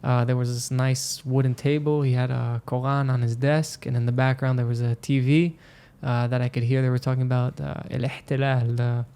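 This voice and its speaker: A man from Israel sits in as a podcast guest and recounts his experiences in a loose, unhurried chat. His voice sits at an ordinary middle pitch. He keeps pausing on "um" and "you know" as he works through each story. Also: level tone, warm tone, clear, resonant tone. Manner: hesitant, full of "um" and "you know" fillers.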